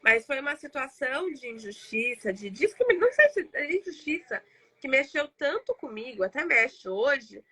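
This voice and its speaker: A woman's voice: high-pitched, very animated, moderate pace, fairly bright tone. A woman in her thirties with a Brazilian Portuguese accent, hosting a live talk circle and telling a personal story in a chatty, emotional way, often speaking straight to her audience. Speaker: therapist and host of a live discussion circle.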